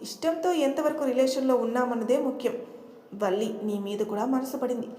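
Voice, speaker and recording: A woman's voice: fairly high pitch, normal speed, dark tone, lightly acted. A woman voicing a smug, mocking male villain who schemes in an audio story. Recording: echoey room with long reverb.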